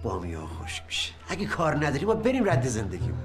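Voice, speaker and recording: An actor playing a proud, stubborn male sweet seller in a bazaar who is quick to raise his voice, in a period film. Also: medium pitch, wildly swooping pitch, faint music behind. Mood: irritated.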